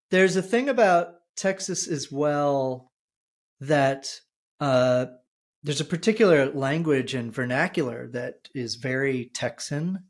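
A podcast host talking casually, hesitant, with many fillers and restarts. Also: mid-range voice. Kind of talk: casual conversation.

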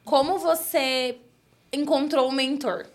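A woman leads the interview in a relaxed, conversational manner. She often tacks quick tag questions onto her sentences. Her voice sits a little higher than average. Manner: conversational, frequent "né?" tags. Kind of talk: casual interview talk.

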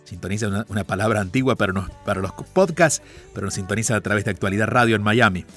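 A man hosting an advice call-in radio show, speaking in a calm, reflective and measured way. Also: on the low side, faint music behind. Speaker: radio host and life counselor.

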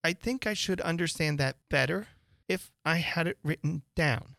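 A reader voicing a polite, puzzled young girl who answers softly and hesitantly. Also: medium pitch, normal speed, vocal fry, no room sound, clean studio sound, voice pushed up. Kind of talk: audiobook character voice.

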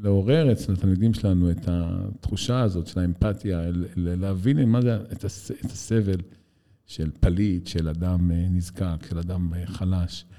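Male host, lowish and very dark voice, thoughtful conversational interviewing with hesitant phrasing. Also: fairly even intonation. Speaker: interviewer and school educator.

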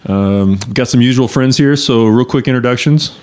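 A man's voice: medium pitch, normal speed, a little mellow. A man hosting a podcast, opening the episode casually and welcoming his friends. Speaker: podcast host. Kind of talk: casual chat.

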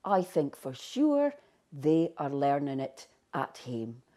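A woman's voice: sits low, big pitch swings, slow, mellow. A woman with a North East Scottish Doric accent, a researcher explaining emphatically in an interview. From Buckie, North East Scotland. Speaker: language researcher.

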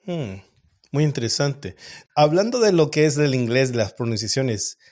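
A man's voice: medium pitch, lively intonation, darkish tone. Thoughtful man from Argentina hosting. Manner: thoughtful, drawn-out questions with fillers. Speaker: podcast host. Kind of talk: interview questions.

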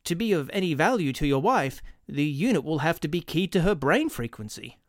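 A man's voice: fairly high pitch, very animated, fairly quick, no echo, studio quality, pitched above the performer's own voice. A man voicing an eager, fawning male shop clerk who hesitates and pleads.

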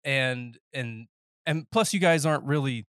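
A man's voice: medium pitch, unhurried, fairly bright tone, smooth, no room sound. A man in his thirties chats through a podcast interview with a congested, faintly nasal voice. He wanders off on tangents and cracks jokes as he goes. The sound is dry and close, with no room around it. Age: 30s. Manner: rambling, self-interrupting, joking. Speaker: podcast host. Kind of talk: casual interview chat. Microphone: headphones and podcast mic.

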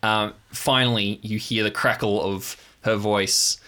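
A man improvising narration as a tabletop game master, halting as he searches for words. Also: fairly low pitch, steady tone, bright, forceful tone.

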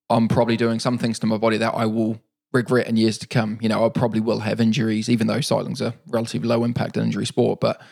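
Casting: middle-aged New Zealand man, gravelly, even-toned, easygoing interviewee. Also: medium pitch. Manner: relaxed, rambling with many fillers and restarts. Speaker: interviewee, para-cyclist. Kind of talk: casual conversational interview.

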